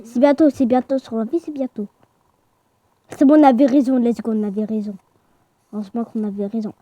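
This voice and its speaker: A woman's voice: fairly high pitch, fairly even intonation, brisk, dark tone, dull audio. A woman chatting casually while playing a game with her brother, bossy and given to shrieks and teasing. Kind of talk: casual gaming chat.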